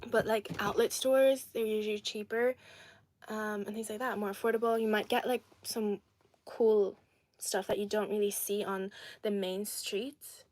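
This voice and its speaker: A young Irish woman hosts a casual livestream from a home in Adelaide, reading viewer comments aloud and replying in a chatty, giggly way. Her medium-pitched voice is steady and somewhat dark, at a normal speed.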